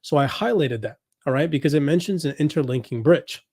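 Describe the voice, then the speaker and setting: A man with a slightly raised pitch talks viewers through documents he scrolls on screen, reading lines aloud and circling back to his main points. His voice sits dry and close to the mic, with no room around it. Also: animated, fairly quick, a little mellow, slightly rough, no echo. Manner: explains while scrolling, reads passages aloud, repeats points. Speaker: crypto commentary host. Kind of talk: screen-share document walkthrough.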